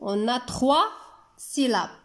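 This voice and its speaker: A woman teaching a children's French lesson, slowly sounding out and repeating words syllable by syllable. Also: fairly high pitch, animated, fairly bright tone. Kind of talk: slow French lesson for young children, explained in Arabic.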